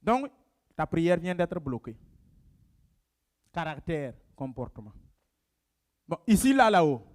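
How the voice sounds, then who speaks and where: A man preaching a sermon as pastor of his church, emphatic and repetitive, often acting out members of his congregation in a lowered voice. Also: very animated, slow pace. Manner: emphatic, repeats phrases for stress.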